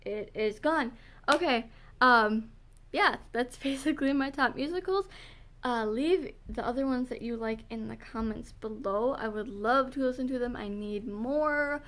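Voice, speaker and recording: A young woman chatting casually in a vlog, giggling often and filling pauses with "um", and she says she is losing her voice. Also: on the high side, fairly bright tone. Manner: giggly, filler-heavy, gushing. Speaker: vlogger. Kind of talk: casual chat.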